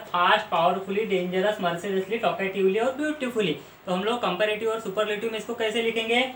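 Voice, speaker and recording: A man's voice: high-pitched, a bit bright. A man from Maharashtra teaching English grammar, patiently explaining and repeating word lists. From Maharashtra, India. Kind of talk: explanatory lesson. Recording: roomy with faint background noise.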